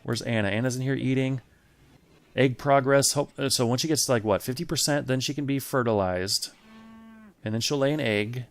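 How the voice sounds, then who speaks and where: A man hosting a let's play gives casual gameplay commentary, thinking aloud and chatting to the game's characters, with faint game music behind. His pitch is medium and his pace moderate.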